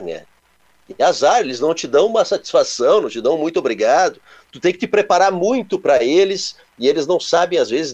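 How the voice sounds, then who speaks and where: Animated man telling stories. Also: on the high side, dull audio. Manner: animated, onomatopoeic storytelling. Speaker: co-host. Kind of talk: casual storytelling chat.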